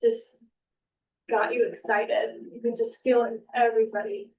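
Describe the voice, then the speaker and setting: Effusive higher-voiced woman, distant. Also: flat delivery, normal speed, a little mellow. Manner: effusive, praising. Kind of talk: meeting remarks. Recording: dull distant meeting-room audio.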